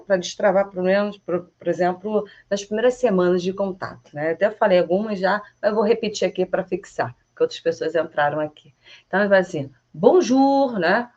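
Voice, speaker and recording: Chatty woman teaching French, lo-fi sound. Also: mid-range voice. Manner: chatty and animated, repeats French phrases slowly, laughs often. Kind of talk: casual online French lesson. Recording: slightly dull lo-fi sound.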